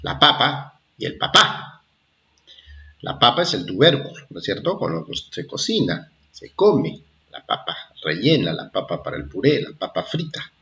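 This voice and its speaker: A low-pitched man with a sing-song, creaky, slightly bright voice teaches primary school children in a lo-fi recording. He talks slowly, repeats his points, and checks understanding with "¿ah?" and "¿de acuerdo?"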